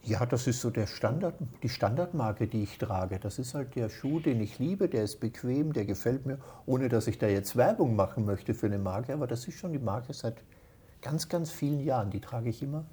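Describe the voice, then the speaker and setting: Mellow-voiced Austrian man in his sixties. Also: medium pitch, normal speed. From Austria, near Vienna. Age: 60s. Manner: explains at length, relaxed and matter-of-fact. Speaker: interview guest. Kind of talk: casual interview.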